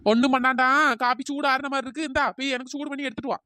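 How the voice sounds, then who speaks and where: A voice actor playing a suspicious, dramatic young wife in a comic cartoon, wailing and accusing through a pitch-shifted cartoon voice. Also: level tone, very fast, fairly bright tone, no room sound, clean studio sound. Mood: bossy. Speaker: cartoon character.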